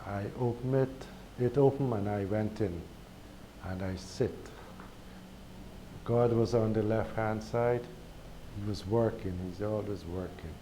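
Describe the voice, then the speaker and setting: A man from Guyana with a Guyanese accent, telling a personal spiritual testimony in a slow, halting way with repeated words. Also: fairly low pitch, warm tone, poor audio. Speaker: speaker sharing a spiritual testimony. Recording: recorded with clear background noise.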